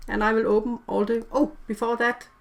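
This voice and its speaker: Chatty higher-voiced woman storyteller. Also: flat delivery, fairly quick, vocal fry. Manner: chatty, laughs often, explains rules plainly. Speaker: game storyteller. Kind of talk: running an online social deduction game.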